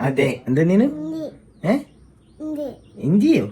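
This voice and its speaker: A woman with a low voice chatting in a family vlog. Her tone swings widely as she coaxes a toddler in sing-song baby talk. Her pitch rises and falls all through. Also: animated, moderate pace, darkish tone. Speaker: parent vlogger.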